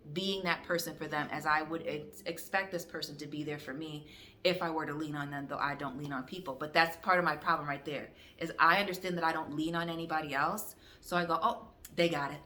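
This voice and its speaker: A woman's voice: low voice, pushed and bright, slight background noise. A young adult woman vlogger talking candidly to the camera, frank and direct, with fillers and restarts. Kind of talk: candid reflective talk to camera.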